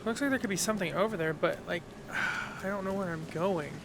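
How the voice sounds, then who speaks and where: A woman's voice: mid-range voice, brisk. A woman giving casual commentary as she plays a video game. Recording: clearly noisy, game sound behind. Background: video game audio.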